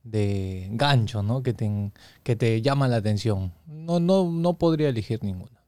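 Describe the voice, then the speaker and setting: Man, guest, hesitant, warm mellow voice, dry mic. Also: fairly low pitch, animated, no echo. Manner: hesitant, halting answers. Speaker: podcast guest. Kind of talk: casual chat.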